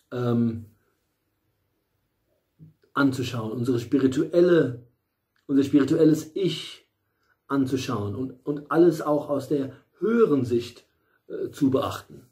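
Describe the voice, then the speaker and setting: A man's voice: mid-range voice, animated, slow pace, pauses often, warm tone. A middle-aged man giving a casual tarot reading at home, rambling with many fillers and restarts and the odd blunt aside. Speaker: tarot reader. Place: small room at home, in front of a bright window.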